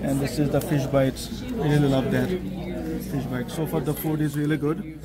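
With a loud crowd around him, a travel vlogger speaks at normal speed in a fairly high, steady voice. Filming a casual food vlog on a handheld camera, he walks through restaurants and streets, indoors and outdoors, praising what he eats in simple, friendly words. The handheld audio is noisy.

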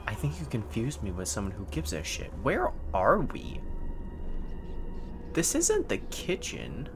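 A man's voice: on the low side, huge pitch swings, measured pace, music in the background. A young man streaming a horror game with scared, jumpy commentary and sweary, sarcastic asides. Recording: faint-to-clear game noise behind voice. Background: horror game ambience.

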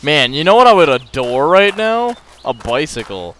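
A young man who hosts a gameplay channel commentates casually on a zombie survival game with a friend, his fairly high voice moving at a moderate pace. He rambles, makes crude jokes, and bursts into excitement at times. It's recorded on a headset mic with slight background noise.

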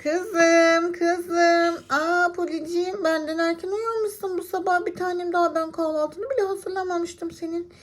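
A woman's voice: extremely high pitch, steady tone, unhurried. A woman voicing a chatty, suspicious mother in a children's doll-play story, mildly scolding. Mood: fussing.

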